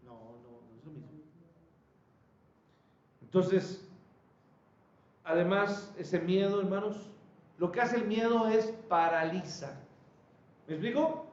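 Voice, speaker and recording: A man preaching a sermon, animated, calling out questions to his congregation. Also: sits high, slow pace, pauses often, roomy sound, muffled recording. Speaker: pastor. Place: church.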